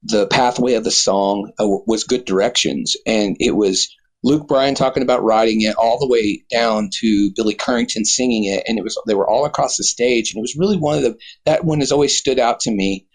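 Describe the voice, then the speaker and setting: A man's voice: mid-range voice, a little fast, poor audio. A man guest in a casual talk, earnest and rambling with many fillers. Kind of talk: casual conversation.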